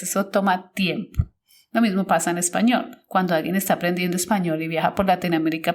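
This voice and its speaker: Woman musing aloud, slightly low. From Colombia. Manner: thinks aloud, self-correcting and searching for words. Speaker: teacher and podcast host. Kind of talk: casual podcast monologue.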